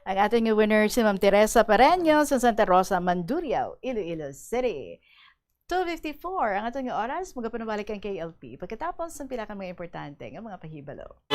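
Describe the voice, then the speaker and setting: A woman with a Hiligaynon accent hosting a radio program and reading a listener's letter aloud with lively, animated delivery. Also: mid-range voice, fairly quick.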